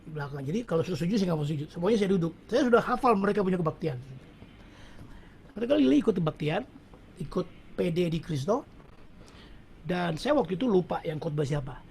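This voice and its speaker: A man's voice: high-pitched, expressive, quick pace, creaky, long pauses, a little mellow, a little hiss or hum. A middle-aged man telling a personal testimony at a prayer meeting in a casual storytelling way, often addressing the audience as brothers and sisters.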